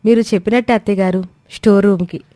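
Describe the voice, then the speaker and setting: A male narrator voicing a gentle, quietly clever young daughter-in-law who speaks softly and politely. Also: high-pitched, steady tone, quick pace, no room sound, pitched above the performer's own voice, natural voice. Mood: pointed. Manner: soft, polite, composed.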